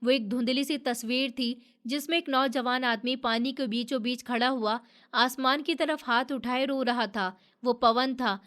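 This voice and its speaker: A woman narrating a dramatic moral story in steady, scripted first person. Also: sits high, a little slow.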